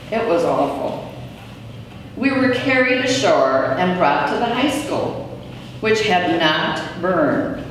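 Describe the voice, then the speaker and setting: A woman reading aloud a first-person recollection in a measured, deliberate storytelling manner. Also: mid-range voice. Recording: echoey hall from far off, faint noise.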